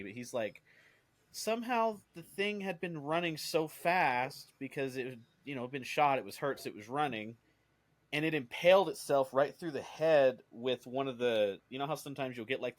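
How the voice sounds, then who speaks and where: Laid-back man rambling through a story. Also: medium pitch. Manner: rambling with many restarts and fillers. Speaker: podcast co-host. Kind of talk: casual storytelling chat.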